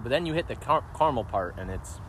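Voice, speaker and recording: A man co-hosting a casual podcast chat, playful and quick to laugh. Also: medium pitch, animated, background noise. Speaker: podcast co-host.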